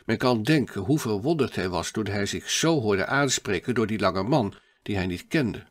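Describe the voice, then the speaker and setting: A man narrating a classic adventure novel in a steady, measured audiobook reading. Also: lowish voice.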